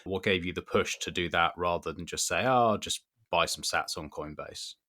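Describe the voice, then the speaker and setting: A man's voice: low-pitched, normal speed, pushed and bright. A man hosting a podcast interview, asking engaged, encouraging questions. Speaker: podcast host. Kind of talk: conversational interview.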